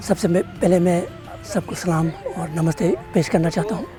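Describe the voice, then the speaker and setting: A man's voice: sits high, moderate pace, over music. A man giving earnest, plain-spoken answers in an interview. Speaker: interviewee, village teacher.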